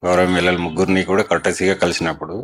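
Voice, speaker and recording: A man, a police circle inspector, answering interview questions in a measured, formal way. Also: sits low, flat delivery.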